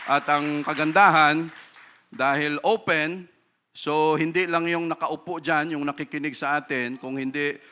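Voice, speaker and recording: Male pastor from the Philippines, bright and crisp voice, animated sermon testimony rising into fervent prayer. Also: medium pitch. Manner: storytelling with frequent tag questions.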